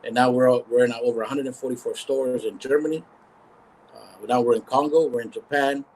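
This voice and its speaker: Company founder, male, mid-pitched, lively storyteller who restarts phrases; video-call sound with faint hiss. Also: brisk, poor audio. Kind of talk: casual storytelling in a live interview.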